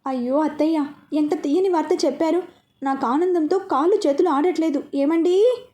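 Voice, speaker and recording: A woman plays an excitable middle-aged mother in a storybook tale. She exclaims loudly in a bright, high voice. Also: brisk, lightly acted. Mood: excited.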